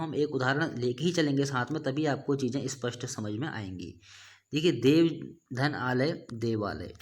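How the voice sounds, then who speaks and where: A man teaching a grammar lesson, often posing questions and answering them himself. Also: medium pitch. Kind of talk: explaining lesson to students.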